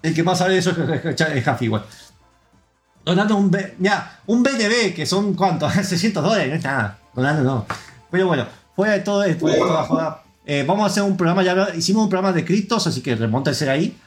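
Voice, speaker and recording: A man's voice: a little high, animated, fast talker, faint music behind. A man with an Argentine accent hosting a podcast in casual chat, rambling and opinionated with lots of fillers. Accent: Argentine Spanish. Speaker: podcast host.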